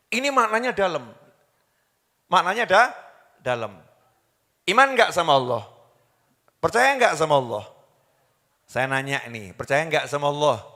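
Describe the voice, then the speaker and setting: A man's voice: sits high, sharp tone. A man preaching an Islamic sermon to a live audience, questioning the listeners, repeating key words and chanting Arabic quotations. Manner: mixes in Javanese phrases and Arabic quotations. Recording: long hall reverb.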